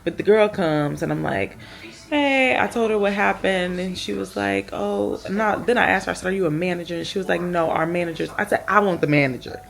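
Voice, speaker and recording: A woman's voice: lowish voice, steady tone, quick pace, creaky, hardly any pauses. A young woman vlogging about her trip, casually retelling a frustrating restaurant run-in and acting out both sides of the conversation. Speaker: travel vlogger. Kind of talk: casual storytelling vlog.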